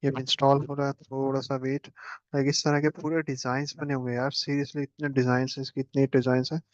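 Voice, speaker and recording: A man's voice: medium pitch, level tone, a little fast, dry recording, lo-fi sound. A man teaching a casual screen-share computer lesson, chatting and joking as he clicks through steps. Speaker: instructor.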